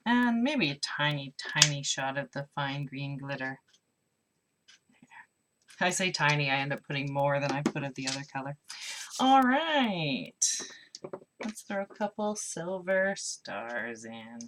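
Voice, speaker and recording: A woman's voice: low-pitched, animated, moderate pace, noisy background. A woman teaching a live craft class, chatting casually and mumbling to herself as she works. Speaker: craft instructor.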